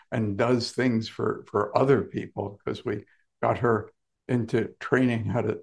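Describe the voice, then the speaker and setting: A man, a guest author, telling a story in a lively, emphatic way with blunt, salty asides. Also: lowish voice. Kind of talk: conversational storytelling.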